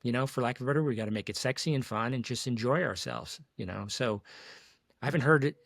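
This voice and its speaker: A man hosts a casual, opinionated conversation in a mid-range voice. He feels his way emphatically through ideas and often tags them with a quick question. The recording is dry. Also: mid-range voice, lively intonation, vocal fry, no echo. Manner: emphatic, searching, checks in with tag questions. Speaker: discussion host.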